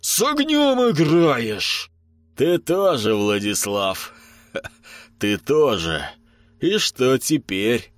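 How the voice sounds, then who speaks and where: A man voicing a mad bearded stepfather who switches between a booming, furious voice and a raspy, mocking one, in an audiobook. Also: big pitch swings, very slow, pauses often, dry recording, exaggerated voice. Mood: raging. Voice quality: shifts between booming rage and raspy mockery. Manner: unhinged, gloating, sing-song. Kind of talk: audiobook character voice.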